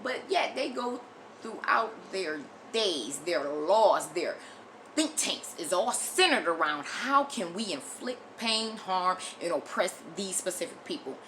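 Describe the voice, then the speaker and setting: A woman's voice: fairly low pitch, lively intonation, a little slow, sharp tone, a little hiss or hum, low-quality recording. An American woman delivering an impassioned, blunt opinion monologue as a video commentator, emphatic and repeating phrases for force, often swearing. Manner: frequent swearing.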